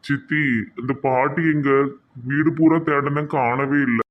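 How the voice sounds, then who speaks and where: A man's voice: medium pitch, steady tone, unhurried, highs cut off, slight background noise, lightly acted. Young cartoon villager, played by a man, Tirunelveli accent; ordinary mid voice, defensive and pleading. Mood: explaining. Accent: Tirunelveli Tamil. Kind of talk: cartoon voice acting.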